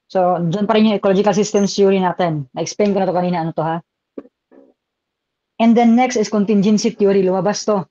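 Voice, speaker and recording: A man's voice: sits high, fairly quick, mellow, no room sound, muffled recording. A man with a Filipino accent giving a live online exam review lecture, chatty and switching between languages as he reads out viewer comments.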